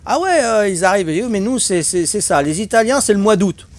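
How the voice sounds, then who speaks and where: A man's voice: sits high, expressive, a little fast. An older man from Corsica, a streamer telling casual anecdotes in a chatty way, laughing often and filling his talk with repeats.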